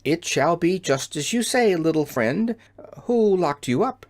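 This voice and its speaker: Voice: mid-range voice, expressive, unhurried, voice pushed up, natural voice. A reader voicing a friendly, easygoing straw scarecrow with a cheerful, folksy way of talking, in an audiobook. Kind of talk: audiobook character voice.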